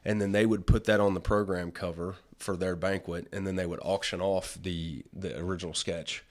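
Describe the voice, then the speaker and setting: Podcast host, male, 40s: deep smoker's rasp, hoarse from illness, casual conversational delivery. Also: level tone, moderate pace. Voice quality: raspy smoker's-style voice. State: sick, hoarse. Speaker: podcast host and wildlife artist.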